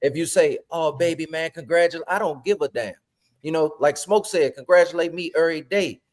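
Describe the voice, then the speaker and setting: High-voiced profane man ranting on a podcast. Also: fairly quick. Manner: animated, profane, repeats phrases for emphasis. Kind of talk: casual podcast chat.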